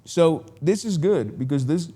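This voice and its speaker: A man's voice: on the high side, a little slow, slightly rough. A man hosting a podcast, riffing casually with lots of swearing and laughter. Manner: laughing, profane, animated riffing. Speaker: podcast host.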